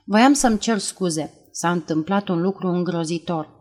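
A woman voicing a secretive, guarded young woman in an audiobook, speaking in a calm, measured way. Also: lowish voice, close to an everyday voice. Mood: apologetic. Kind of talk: audiobook character reading.

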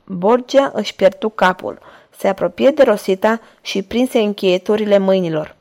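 A woman narrating a novel in a steady, measured reading voice. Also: mid-range voice. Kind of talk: audiobook narration.

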